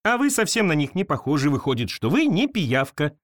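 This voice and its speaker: A man's voice: big pitch swings, brisk, no room sound, studio quality. A man voicing a kind, cheerful little girl in a fairy tale, talking in a friendly way. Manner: bright, high, friendly.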